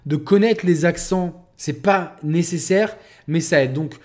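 A man's voice: fairly high pitch, a little slow, a little mellow. A man reviewing a video game in a casual, rambling way, often restarting his sentences. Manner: rambling, many restarts and fillers.

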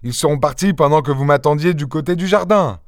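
A man voicing an anxious but authoritative police chief who speaks in a measured, commanding way, for an audiobook. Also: fairly high pitch, no echo, clean studio sound, pitched above the performer's own voice, natural voice. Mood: firm. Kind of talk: audiobook character voice.

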